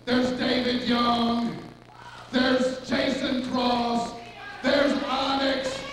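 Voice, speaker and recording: A man's voice: very high voice, level tone, extremely slow, fairly bright tone. A man cutting a menacing wrestling promo as a manager in the ring, declaiming grandly and drawing out his words. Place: indoor wrestling arena ring. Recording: echoey arena, distant mic, noisy.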